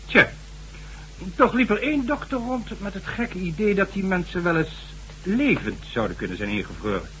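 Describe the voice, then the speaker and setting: In an old Dutch radio drama recording with faint hum and noise, a man plays a stern, sardonic government official who lectures in a formal, condescending way. His voice sits high and a bit bright, with big swings in pitch at a normal speed, and the audio quality is poor. The mood is measured as he recounts events.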